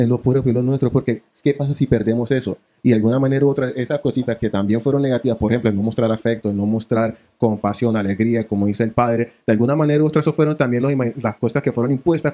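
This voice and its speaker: A man with a San Andrés Archipelago Spanish accent, speaking as a panelist in a panel discussion. He talks in quick, searching phrases and switches between Spanish and island creole English. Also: mid-range voice, steady tone, warm tone.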